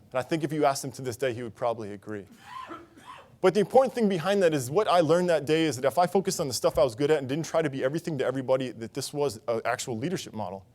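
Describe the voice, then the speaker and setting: A man's voice: fairly high pitch, a little mellow. A young man giving a conference talk, telling a personal story in an earnest way on a conference stage. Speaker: conference speaker.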